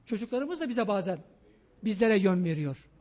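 A man giving an emphatic, excitable sermon on parenting, pleading with his listeners in a loud voice. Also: sits high, moderate pace. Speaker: preacher.

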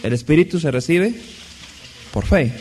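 Man, sermon, measured, emphatic stresses, a bit high-pitched, faint background hum. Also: animated, darkish tone. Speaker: preacher.

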